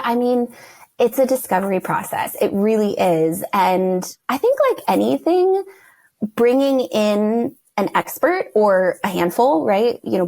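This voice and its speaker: A woman's voice: medium pitch, creaky, darkish tone, dry recording. A woman guest talking casually about brand strategy on a podcast, chatty and full of "like" and "you know". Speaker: guest, verbal identity strategist.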